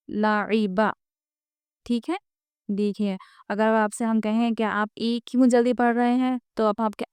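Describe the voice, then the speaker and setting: A woman teaching Quran reading in a slow spoken lesson, patiently drawing out words to show their pronunciation and checking often that the viewer follows. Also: medium pitch, clear, resonant tone, dry recording, clean studio sound. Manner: asks "theek hai?" often.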